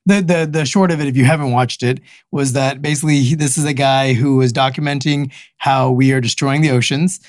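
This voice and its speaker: A man's voice: mid-range voice, steady tone, fairly quick, few pauses, no room sound, studio quality. A man from Texas with a slightly coarse voice, hosting a casual podcast chat as a doctor and laughing often.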